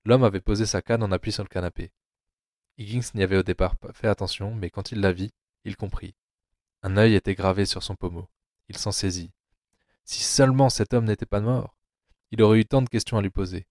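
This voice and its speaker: A man reads a novel aloud as an audio drama in a very low, steady voice. The recording is close and dry, with no room sound. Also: brisk, no echo. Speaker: narrator.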